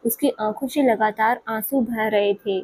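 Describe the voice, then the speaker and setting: A woman narrating a dramatic family story in a steady storytelling manner. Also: on the high side, a little slow, no echo.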